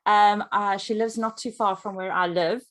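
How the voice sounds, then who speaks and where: A woman's voice: mid-range voice, steady tone, moderate pace. A woman hosting an interview, friendly, asking questions with frequent fillers.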